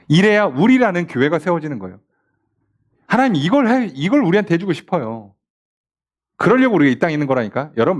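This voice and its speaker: A man, a pastor, leading a casual Bible study and often asking his listeners rhetorical questions. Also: a little high. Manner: casual, talkative, plays out quoted lines.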